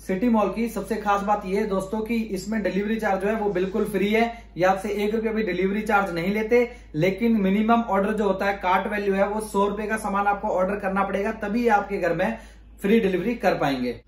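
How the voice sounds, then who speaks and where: A man's voice: high-pitched, fairly even intonation, a little fast, reverberant. A young man talking to camera in a chatty tutorial, walking viewers step by step through a shopping app. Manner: chatty and explanatory, often says "friends". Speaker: YouTuber explaining a shopping app. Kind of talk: casual tutorial talk to camera. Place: indoors in front of a plain blue backdrop.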